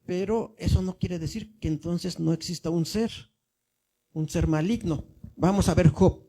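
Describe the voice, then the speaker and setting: Man preaching with husky mellow voice. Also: high voice, unhurried. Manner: explains step by step, asks the congregation questions. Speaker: minister. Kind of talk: teaching sermon. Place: church.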